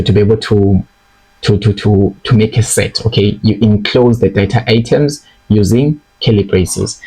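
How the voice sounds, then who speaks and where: A man's voice: on the low side, dark tone, slightly rough, low-quality recording. A young man teaching a programming lesson, explaining step by step and checking in with "okay?" and "right?". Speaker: programming tutor. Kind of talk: screen-recorded coding lesson.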